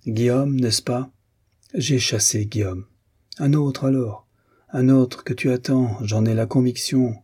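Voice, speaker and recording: A man's voice: medium pitch, steady tone, measured pace, warm tone, breathy edge. A man voicing a jealous, bitter official husband in an audiobook reading, sneering and brooding. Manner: sneering, then nervous and brooding.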